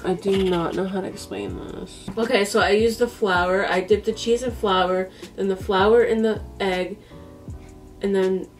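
Filming herself in a small indoor kitchen, a twentysomething woman from the US East Coast talks informally to the camera as she cooks, musing out loud in an American accent. Her pitch is medium. Because the camera is a few feet off, the recording sounds far away and low in quality, and music runs underneath.

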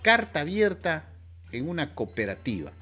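A man's voice: a little high, very animated, normal speed, bright, forceful tone, soft background music, exaggerated voice. An Ecuadorian man quoting a coaxing taxi driver. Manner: coaxing, reassuring. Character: friendly, persuasive man, a taxi driver offering help.

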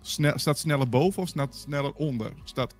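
A man's voice: medium pitch, normal speed, soft background music. A man bantering casually over a game in an argumentative, insistent way. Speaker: gaming show host.

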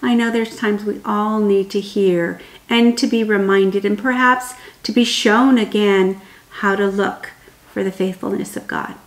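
A woman in her sixties, speaking softly and unhurriedly to the camera from her dining room, with many pauses and ums, in a gentle devotional talk. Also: mid-range voice, fairly even intonation. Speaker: homemaking vlogger. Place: dining room at home, indoors. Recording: roomy home recording.

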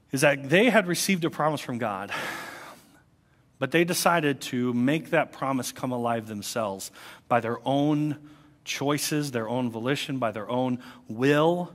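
A male pastor preaching a sermon, telling a story with energy and acting out the people in it. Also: medium pitch. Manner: animated storytelling, acting out voices. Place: church sanctuary. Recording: long church hall reverb.

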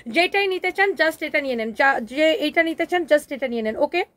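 A woman hosting a live online clothing sale, talking in a fast, emphatic, repetitive sales patter that mixes in English words. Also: high-pitched, expressive, fairly bright tone. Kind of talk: live-stream sales pitch.

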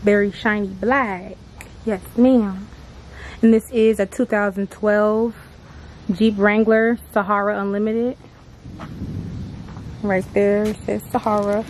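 The recording is low quality with slight background noise as a twenty-year-old woman speaks slowly, with long pauses, in a level, medium-pitched voice. Her vlog is still excited, bubbly and chatty, full of swearing, shot on a phone held at arm's length in a small home bathroom and later outdoors near a car.

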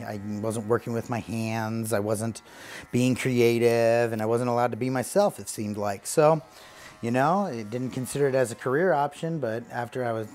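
In a barbershop basement, a thirties-aged man who owns the shop gives a casual interview while cutting hair. His mid-range voice is a little mellow, and he speaks earnestly and gratefully, using plenty of fillers.

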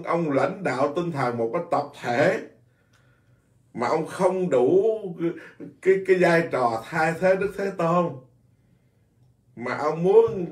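A man's voice: on the high side, echoey room, recorded from a distance. A man, a Buddhist monk, giving an informal dharma talk in a blunt, scolding way, repeating himself often. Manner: blunt, scolding, animated with many repetitions.

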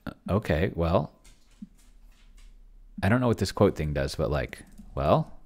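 A deep, sing-song, slightly mellow voice comes from a middle-aged man who speaks a little slowly. Playing solo tabletop roleplaying with a chatbot in a small cluttered room, he gives casual screencast commentary, rambling and musing as he reads.

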